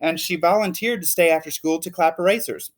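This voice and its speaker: A man who works as a teacher, reading a children's story aloud in an expressive, emphatic way. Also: a little high, fairly quick. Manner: animated, emphatic.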